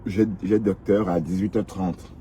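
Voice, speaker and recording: A man's voice: low voice, steady tone, unhurried, rough recording. A man chatting casually to live-stream viewers, teasing and joking, repeating words and tagging his lines with little asides. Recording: outdoor mic with loud street noise. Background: passing cars and street noise.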